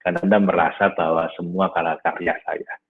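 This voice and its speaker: Over tinny, phone-like audio, an online-class teacher with a low, husky voice lectures at a fast clip and a level tone. His manner is warm and chatty, peppered with "Nah" and "Bapak Ibu," as listeners send in questions during the live session.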